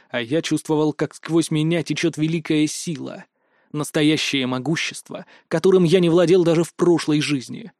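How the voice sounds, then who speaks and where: A man narrating a fantasy audiobook in the first person, in a steady, dramatic storytelling manner. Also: fairly high pitch, no echo, studio quality.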